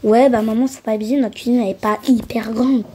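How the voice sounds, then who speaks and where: A pouty, whiny little girl, as a woman puts her on in a doll role-play. The voice sits fairly high, with a mellow, slightly husky tone. She grumbles at her mother in a complaining way. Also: fairly even intonation, fairly quick. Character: young girl, cheeky and whiny daughter.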